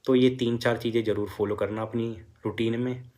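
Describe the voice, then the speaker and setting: A man's voice: mid-range voice, steady tone, a little fast, a little mellow. Young man giving casual study advice. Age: young adult. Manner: conversational, many fillers, advising students directly. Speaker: medical student sharing exam journey. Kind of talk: casual motivational talk.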